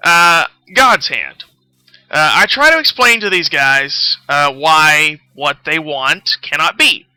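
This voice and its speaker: A man with a fairly high pitch talks slowly in a bright, forceful tone, on a recording that is smooth and dry yet rough. Storytelling casually on a live game stream with background music, he rambles absent-mindedly and keeps losing his thread.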